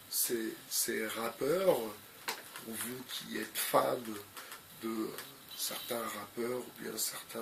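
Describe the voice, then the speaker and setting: A man with a cold speaks in a gravelly, mid-range voice against background noise. He's a video commentator talking unscripted to his viewers, hesitant and filler-heavy, often repeating the same phrases.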